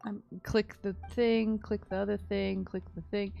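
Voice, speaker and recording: Her voice mid-range, gravelly and fairly flat, a live streamer talks a little slowly and playfully as she plays, murmuring sound words under her breath. Soft video game music plays behind her, and the highs are cut off.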